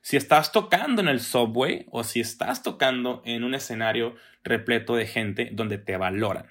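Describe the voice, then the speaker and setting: A man's voice: fairly high pitch, fairly bright tone. A young man giving a motivational talk, speaking directly to the listener and checking in with frequent rhetorical questions.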